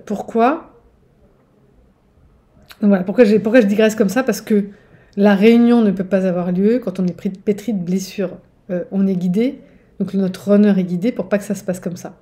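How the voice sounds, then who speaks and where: A woman's voice: medium pitch, fairly even intonation, moderate pace, long pauses, dark tone. A woman giving a casual teaching monologue as a spiritual relationship coach, chatty and digressive, often checking in with listeners. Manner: digressive, with restarts.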